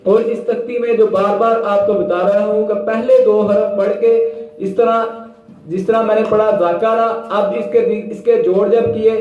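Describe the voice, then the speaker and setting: A man teaching Quran reading, slowly spelling out syllables and chanting them in drawn-out tones between plain explanations. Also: high-pitched, steady tone, heavy reverb, highs cut off. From Pakistan. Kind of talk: slow spelled-out recitation lesson.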